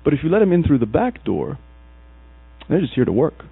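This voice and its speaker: A man from Egypt preaches in a storytelling style, his fairly high voice brisk and animated as he performs the people in his tales. His husky delivery comes through a tinny, dry, phone-like recording marked by mains hum.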